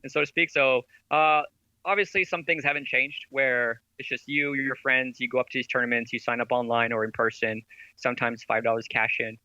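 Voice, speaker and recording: A man guesting on a podcast as an esports veteran and company head, telling stories in an animated way and laughing often. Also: mid-range voice, a little fast, dry recording, dull audio. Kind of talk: casual podcast interview.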